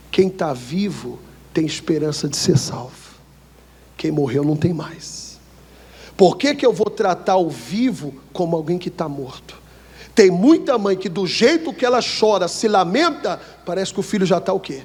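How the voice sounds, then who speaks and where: Husky Brazilian pastor, high gravelly voice. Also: male voice. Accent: Brazilian Portuguese. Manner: asks the church questions for them to answer; swings between loud high preaching and low quiet lines. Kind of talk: sermon. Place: church hall. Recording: long reverb of a church hall.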